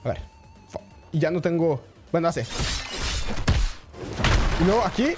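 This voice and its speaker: A man giving chatty, excitable live commentary while he plays a game and keeps greeting his chat. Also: a little high, a little slow, loud music behind the voice. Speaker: gaming streamer. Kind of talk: live-streamed gameplay commentary.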